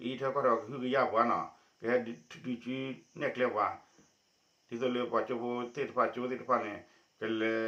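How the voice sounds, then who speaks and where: A man presenting a news report with a steady spoken delivery. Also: medium pitch. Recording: echoey dull lo-fi recording.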